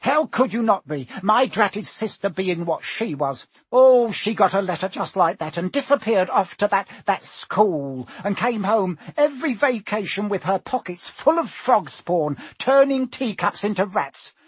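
A man voicing a shrill, bitter middle-aged aunt in an audiobook, ranting with venom and resentment. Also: expressive, measured pace, hardly any pauses, husky, dry recording, full character voice. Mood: shrieking, bitter.

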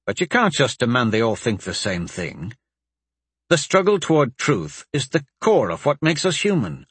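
A man's voice: mid-range voice, very animated, moderate pace, a bit bright, slightly rough, no room sound. A man voicing a young male sorcerer, defiant and sardonic, talking in a questioning, wry way.

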